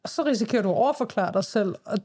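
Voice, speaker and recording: A woman's voice: medium pitch, expressive, warm tone, husky. A Danish-accented woman co-hosting a podcast in casual conversation, with a wry, self-deprecating way of talking. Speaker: podcast co-host. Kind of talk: casual chat.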